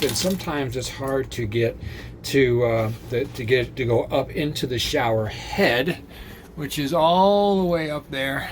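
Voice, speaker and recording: A man hosting a casual how-to vlog from inside a small trailer, talking viewers through a repair in a folksy, halting way. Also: medium pitch. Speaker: host of an RV living how-to vlog. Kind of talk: casual DIY tutorial. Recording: clear background noise, location sound.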